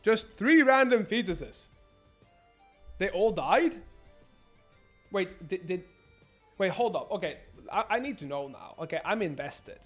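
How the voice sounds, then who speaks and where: A fairly high-voiced man streaming a colony sim game, talking casually, swearing constantly and tripping over his words. Faint game music plays underneath. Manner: profane, rambling, stammers and repeats himself. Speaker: gaming streamer. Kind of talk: casual gameplay commentary.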